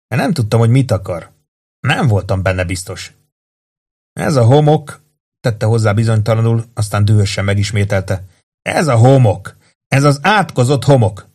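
A man reading an audiobook voices a young male staff sergeant who speaks in a halting, agitated way. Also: on the low side, expressive, darkish tone, husky. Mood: shaken.

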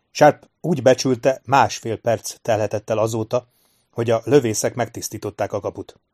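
A man reading a novel aloud as audiobook narrator in a steady, measured way. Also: on the low side, no echo, clean studio sound. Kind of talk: scripted narration of a war novel.

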